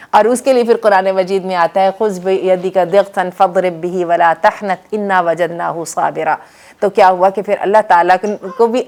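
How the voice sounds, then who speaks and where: A woman teaching a religious lesson through a story, with a mid-range voice. She tells it with lively, dramatic shifts, slips English words into her sentences and breaks into recited Quranic Arabic. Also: medium pitch. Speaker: religious lecturer. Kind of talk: Islamic storytelling lecture.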